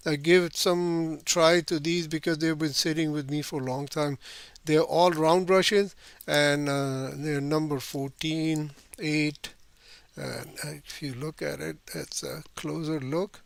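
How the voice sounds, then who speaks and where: A man's voice: a little high, steady tone, slow pace, gravelly, no echo. A man teaching watercolor, rambling. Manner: rambling, many fillers and tag "right?". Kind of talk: painting lesson demonstration.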